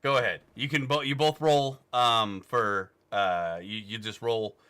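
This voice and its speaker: A man's voice: mid-range voice, steady tone, unhurried, sharp tone, smooth. A man narrating as game master in a tabletop game, casual and swearing with laughs.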